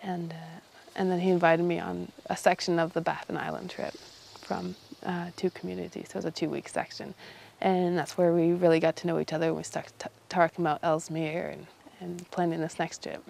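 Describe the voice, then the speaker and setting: A young woman in her early twenties with a Canadian accent talks in a casual interview. Her voice sits fairly low and has a strong creak to it. She phrases things loosely and informally, as in everyday conversation. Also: flat delivery, brisk, darkish tone, a little hiss or hum. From Iqaluit, Nunavut, northern Canada. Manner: informal, loose phrasing with frequent "you know". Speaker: interviewee, young polar expedition member.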